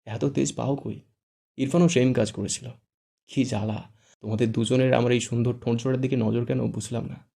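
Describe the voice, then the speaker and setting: A man's voice: medium pitch, steady tone, moderate pace, creaky, warm tone. A man doing a cocky, teasing young man. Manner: cool, teasing and playful.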